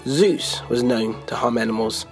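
A man's voice: mid-range voice, a little slow. A man hosting a story program, joking playfully between tales. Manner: playful, wry. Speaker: host. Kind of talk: jokey show links. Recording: music behind voice.

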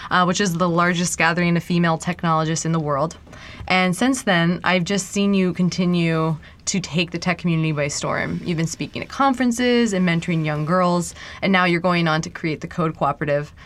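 A woman's voice: fairly low pitch, fairly bright tone. A woman co-hosting a podcast, introducing her guest and asking questions in an encouraging way. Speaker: podcast co-host. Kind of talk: interview questions.

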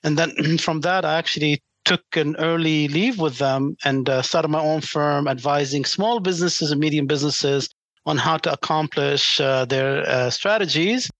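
A franchise sales executive, whose first language is Arabic, answers interview questions conversationally and often pauses to search for words. His voice is a little high and a bit bright. There's no echo.

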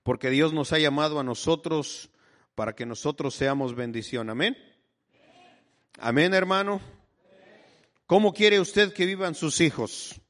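A man preaches with fervor, leaning on "brother" as he drives each point home. His voice sits on the high side for a man. It rings out with a long reverb, like a church hall. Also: measured pace, pauses often, a bit bright. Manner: fervent preaching, addressing listeners as brother constantly. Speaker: pastor. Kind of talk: sermon.

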